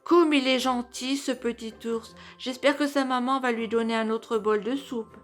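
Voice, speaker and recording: A woman's voice: on the high side, steady tone, moderate pace, lightly acted. A woman voicing Goldilocks, a curious little girl, in a storybook reading, light and pleased. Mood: content.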